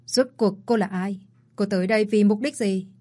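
A woman's voice: medium pitch, fairly even intonation, moderate pace, dark tone, lightly acted. A cold, arrogant rich young man, read by a woman. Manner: curt and cold.

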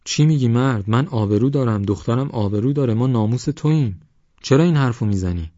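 A man's voice: fairly low pitch, a little mellow, dry recording, close to an everyday voice. A man voicing a desperate village mother who pleads and cries out shrilly. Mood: desperate, pleading. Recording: dull lo-fi audio.

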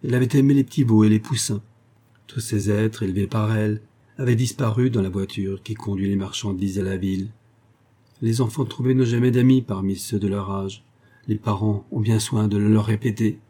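Husky dark-voiced male narrator. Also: on the low side. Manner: measured, expressive reading. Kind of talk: audiobook reading of a classic story.

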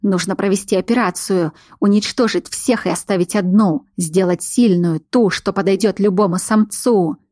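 A woman's voice: mid-range voice, moderate pace, hardly any pauses, darkish tone, no room sound, studio quality, close to an everyday voice. A woman voicing a stern, insistent father, a big surgeon, in an audiobook story.

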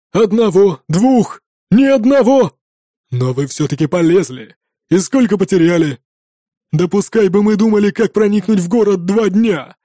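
A man's voice: on the high side, dark tone, no room sound, clean studio sound. A man voicing a hot-tempered, sarcastic male viking rower in an audiobook, sneering and hammering every word. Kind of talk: audiobook character voice.

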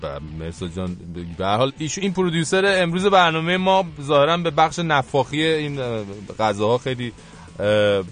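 A man's voice: mid-range voice, animated, fairly bright tone. Hesitant male radio host, faint music. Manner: hesitant, with many fillers. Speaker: host of a comedy contest sketch. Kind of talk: comic radio hosting.

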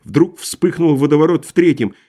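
A man reading a novel aloud as an audiobook narrator, expressive and vivid. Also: on the high side, normal speed. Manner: expressive, acting out crowd voices.

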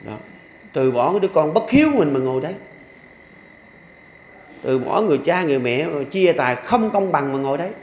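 This sermon is a dharma talk by an older Buddhist monk with a Southern Vietnamese accent, who jokes in a folksy way and leans on rhythmic repeated refrains in a temple hall. His fairly high, slightly mellow voice has lively intonation, moves a little fast, and pauses often. Slight background noise joins the echoey hall's faint ambience.

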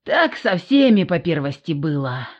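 Gruff, bossy old woman for an audiobook, low voice, slightly dull sound, read by a woman. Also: very animated, measured pace, darkish tone, full character voice. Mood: amused. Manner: gruff, commanding. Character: stern bossy old woman, foul-mouthed. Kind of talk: audiobook character voice.

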